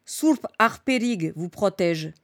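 A woman voicing a fearless old village woman who shouts bossy encouragement to fighters. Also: medium pitch, lively intonation, slow pace, dry recording, studio quality. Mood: fierce.

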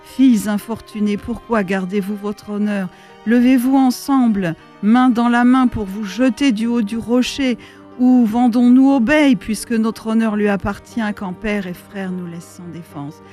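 Casting: a woman doing a tearful young village daughter, anguished and defiant, slow and mellow, storybook reading. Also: a little high, fairly even intonation, soft background music, pitched above the performer's own voice, natural voice. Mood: bitter defiant. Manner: pleading, raised and anguished. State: crying.

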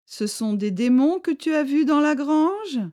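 A woman's voice: expressive, a little slow, mellow. A woman voicing a suspicious village man who quizzes others in a prying, mocking way. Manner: quizzing, high-pitched.

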